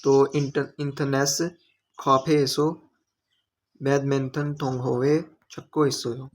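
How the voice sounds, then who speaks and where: A man's voice: medium pitch, little pitch movement, slow pace. A man teaching a lesson step by step with a Pakistani Urdu accent, patiently repeating each word and its meaning. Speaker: language teacher.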